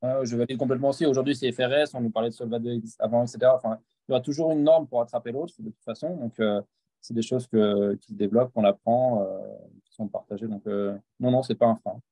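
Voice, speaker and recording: A man's voice: medium pitch, steady tone, quick pace, mellow, no echo. A man on a video call, speaking directly and encouragingly in a casual panel discussion.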